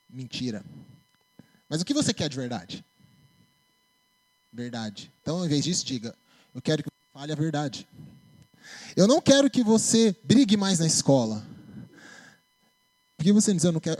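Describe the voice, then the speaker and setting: Animated Brazilian man preaching. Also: fairly high pitch. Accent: Brazilian Portuguese. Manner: conversational, animated preaching with tag questions. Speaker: preacher and psychologist. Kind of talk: sermon. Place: church.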